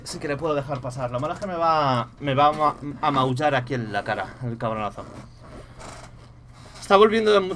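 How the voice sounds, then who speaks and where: Young guy from spain streaming a horror game, slightly high voice, mutters then yells and swears when startled, a bit of hiss behind. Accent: Spain Spanish. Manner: bursts into loud startled swearing; mutters quietly to himself between outbursts. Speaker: gaming streamer. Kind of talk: live gameplay commentary.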